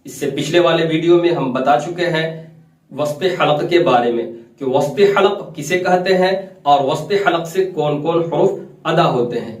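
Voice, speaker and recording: A man's voice: a little high, echoey room, far from the mic. A man teaching Quran recitation step by step, repeating points, quizzing his listeners and stretching out letter sounds to show them. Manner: repeats key points and asks the class questions, then answers them; drawn-out demonstrations of letter sounds. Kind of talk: step-by-step tajweed lesson.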